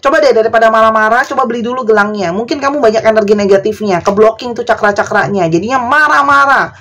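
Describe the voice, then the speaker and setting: A woman's voice: fairly high pitch, fast, fairly bright tone. A woman tarot reader talking to her viewers in a casual, chatty, pleading way. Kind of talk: casual vlog monologue.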